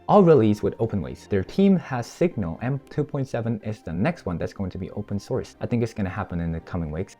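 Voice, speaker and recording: A man with a low, mellow voice, whose first language is Korean, explains tech as a YouTuber in a casual screen-recorded tutorial and sponsored review. He's chatty and explanatory, tossing in "right?" to the viewer. He's recorded on a wireless microphone.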